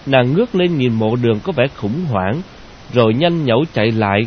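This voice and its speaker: A man's voice: medium pitch, expressive, normal speed. Male audiobook narrator, lo-fi. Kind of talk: scripted novel narration. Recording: dull lo-fi audio with hiss.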